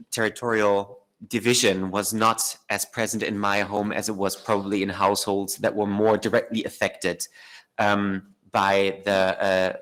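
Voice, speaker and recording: A man's voice: fairly low pitch, fairly bright tone. A young man from northern Germany speaking as a panel guest, reflective and often correcting himself mid-sentence. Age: young adult. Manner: thoughtful, self-correcting, many fillers.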